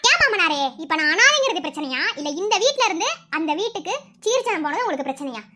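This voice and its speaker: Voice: very high voice, big pitch swings, quick pace, sharp tone, exaggerated voice. Someone voicing a defiant young cartoon daughter-in-law. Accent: Madurai Tamil. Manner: defiant, pleading questions. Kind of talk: cartoon voice acting.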